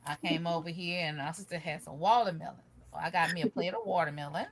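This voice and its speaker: A woman's voice: fairly low pitch, fast, a crowd in the background. A woman co-hosting a casual live gardening chat, greeting viewers and talking easily with "y'all". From Michigan. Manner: chatty, warm greetings with Southern-style "y'all".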